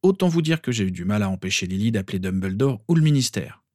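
A man's voice: lowish voice, animated, fast, dark tone, dry recording, clean studio sound. A man voicing a stern but kind father who scolds firmly. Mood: scolding. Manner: firm, scolding.

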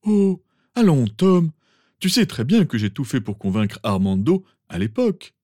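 A man voicing a pompous, sentimental old male wizard professor, with theatrical, drawn-out exclamations. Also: mid-range voice, very animated, dark tone, dry recording, studio quality. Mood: fussing. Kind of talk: fan audiobook reading.

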